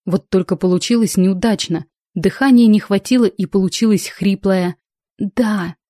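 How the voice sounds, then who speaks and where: A woman narrating a first-person novel in an audiobook with expressive storytelling. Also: medium pitch, normal speed, dry recording, clean studio sound. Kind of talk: first-person fiction reading.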